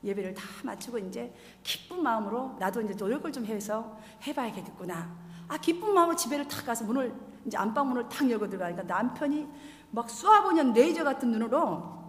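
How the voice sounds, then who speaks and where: A woman preaching a sermon, telling a story and urging her listeners, swinging between loud exhortation and soft storytelling. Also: fairly high pitch, expressive, fairly quick, a little hiss or hum. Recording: echoey hall with long reverb.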